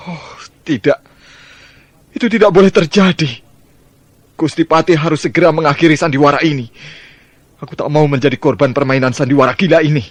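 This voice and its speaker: A man's voice: a little high, steady tone, fairly quick, long pauses, dry recording, close to an everyday voice. An actor playing a fearful old male servant who begs and sobs for mercy in a radio drama. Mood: anxious. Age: older. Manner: whining, begging, sobbing. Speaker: servant of the minister.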